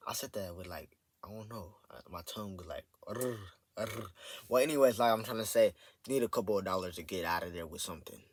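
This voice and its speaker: A man's voice: low voice, fast talker. A man chatting casually, blunt and repeating his point. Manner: blunt, repetitive. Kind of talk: casual chat.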